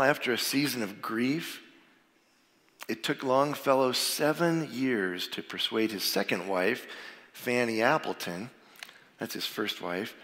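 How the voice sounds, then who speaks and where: A male pastor getting over a cold sounds a little froggy as he gives an informal sermon and prayer full of fillers in a church sanctuary. His medium-pitched voice is creaky yet fairly bright, and the large hall adds a long reverb.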